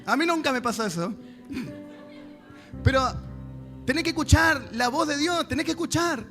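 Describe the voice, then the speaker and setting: A man's voice: very high-pitched, expressive, normal speed, pushed and bright. A male pastor, preaching a sermon to a congregation and acting out prayers and God's replies. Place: church service. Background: music.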